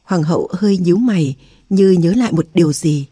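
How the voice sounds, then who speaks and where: A woman narrates a historical novel in a measured, even manner. Her voice is mellow and warm. The recording is close and dry. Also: on the low side, husky, no room sound. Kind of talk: audiobook reading of a historical novel.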